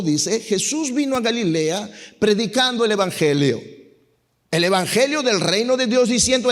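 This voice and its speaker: High-voiced pastor preaching to a congregation. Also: male voice. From Peru. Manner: asks the congregation questions and answers them. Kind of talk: sermon. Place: church sanctuary.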